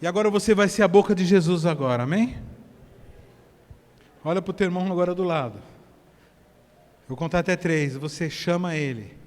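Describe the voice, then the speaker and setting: Man, Brazilian accent, pastor, impassioned sermon, high voice, long church reverb. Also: normal speed, long pauses. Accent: Brazilian Portuguese. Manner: impassioned preaching, swinging from hushed to loud, directing the congregation. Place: church service.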